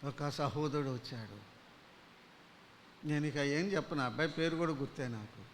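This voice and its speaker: A man preaching a gospel sermon, impassioned, swinging from loud pleas to hushed storytelling. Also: fairly high pitch, normal speed, a little hiss or hum.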